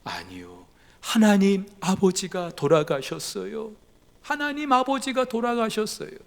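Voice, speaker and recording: A male pastor voicing a middle-aged woman in mourning who earnestly rebukes her husband, speaking in a pleading voice that climbs to high emphatic questions. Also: animated, a little slow, gravelly, exaggerated voice. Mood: mournful. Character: reformer's grieving wife, middle-aged woman, earnest and reproachful.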